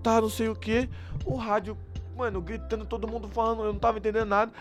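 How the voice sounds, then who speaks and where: High-voiced Brazilian young man telling stories. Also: fast talker, faint music behind. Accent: Brazilian Portuguese. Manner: lively, slangy, acts out quoted people. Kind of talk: casual storytelling.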